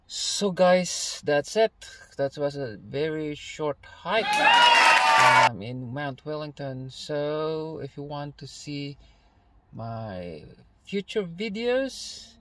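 A man's voice: a little high, lively intonation, takes it slowly, very noisy. A young man presenting a hiking vlog as a vlogger, partly in scripted narration. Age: young adult. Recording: loud music over the voice. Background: loud music.

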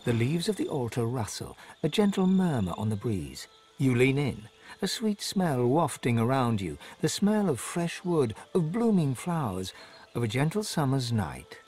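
A man narrating a game story in an expressive, dramatic scripted style. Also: mid-range voice, moderate pace, breathy edge. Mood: calm. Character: male storybook narrator, vivid.

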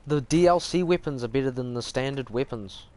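A man's voice: medium pitch, fairly quick, mellow. A man with a broad New Zealand accent giving casual, slangy live commentary while gaming. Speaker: gaming streamer. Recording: noisy home gaming mic.

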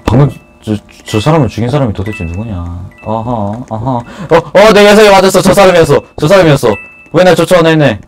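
Excitable man commentating a game. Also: medium pitch, brisk, faint music behind, poor audio. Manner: excitable, swings between loud cheers and nervous muttering. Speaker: gaming YouTuber.

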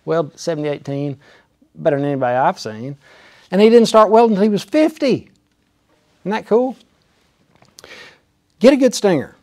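A man's voice: sits high, lively intonation, moderate pace, long pauses, a little mellow, no echo. Guy in his 40s teaching welding in his shop, folksy and punchy, dry close lapel mic sound. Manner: folksy, emphatic, demonstrating with gestures. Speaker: welding instructor. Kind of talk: hands-on how-to demonstration. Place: small workshop with machine tools, indoors. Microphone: clip-on lapel mic.

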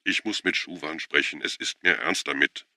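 A man reading an audiobook plays a desperate father searching for his family, insistent and close to shouting. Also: very deep voice, moderate pace, dry recording, exaggerated voice.

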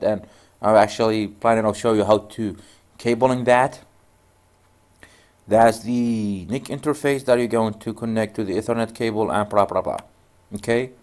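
With a lowish, slightly mellow voice, this man narrates a screen-recorded networking tutorial. Arabic is his native language, and he speaks as the instructor in a rambling way, often starting his sentences over.

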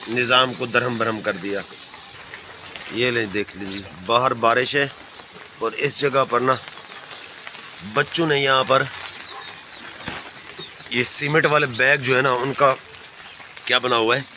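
A man's voice: mid-range voice, noisy background. A man with a Pakistani accent narrating a casual village vlog outdoors in the rain, devout and chatty. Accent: Pakistani Urdu. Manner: chatty and devout, often saying mashallah. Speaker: village vlogger filming and narrating. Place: rural courtyard in the rain, outdoors.

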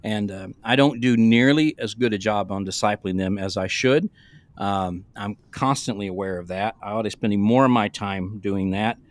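A man in his sixties, a pastor, co-hosts a relaxed podcast discussion from a small room over a remote video call, speaking in a rambling, folksy style. His voice is on the low side, at normal speed, recorded on a close podcast microphone with no echo.

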